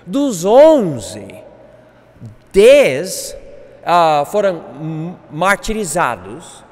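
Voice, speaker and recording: A man teaching a Bible class, animated, acting out quoted speech. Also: sits high, extremely slow, big-room sound. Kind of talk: classroom lecture.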